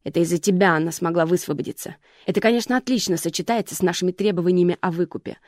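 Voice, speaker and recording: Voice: medium pitch, rapid-fire, darkish tone, no room sound, studio quality, close to an everyday voice. Contemptuous young woman in an audiobook thriller, cutting and scornful, as the narrator puts her on.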